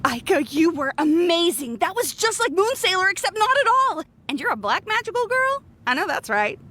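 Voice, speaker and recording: A woman's voice: very high voice, sing-song, moderate pace, bright, forceful tone, exaggerated voice. Sierra, a woman as a gushing nerdy teen girl. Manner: eager and dramatic.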